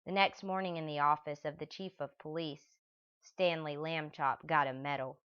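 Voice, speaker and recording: A woman narrating a children's storybook in a slow, deliberate manner. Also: low voice, fairly even intonation, a bit bright, clear, resonant tone. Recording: dull lo-fi recording.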